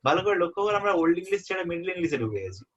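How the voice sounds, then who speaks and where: A man's voice: sits high, sing-song, rapid-fire, fairly bright tone, slightly rough. Man tutoring, repeating key terms. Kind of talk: informal exam-prep lesson. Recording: muffled lo-fi audio.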